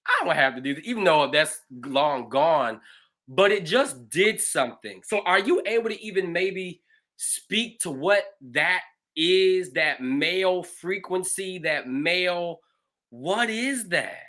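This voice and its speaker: A male pastor hosts a casual livestream conversation, telling his stories in an animated, expressive way. His voice is bright and forceful and sits a little high for a man. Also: slow. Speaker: pastor and show host.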